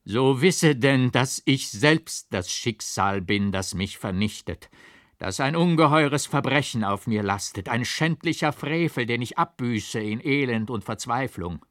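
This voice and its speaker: A man's voice: mid-range voice, lively intonation, measured pace, a bit bright, no room sound, studio quality. A man reading the part of a tormented young nobleman in an audiobook, with a dull, hollow voice and anguished outbursts. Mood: grim. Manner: anguished outbursts, bitter mocking cries.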